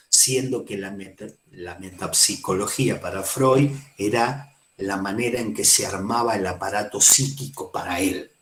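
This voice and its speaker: It's a relaxed, rambling university talk on psychoanalysis, delivered by a man whose accent is Argentine Spanish. He keeps asking "¿sí?", and his voice sits on the low side with a roomy sound around it.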